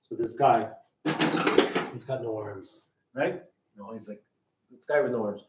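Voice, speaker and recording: A man's voice: medium pitch, a little slow, very noisy. Rambling man telling jokes in an echoey salon. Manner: rambling storyteller, jumps into character voices. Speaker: hairdresser. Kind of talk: casual chat telling jokes. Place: hair salon. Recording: echoey room, mic far off.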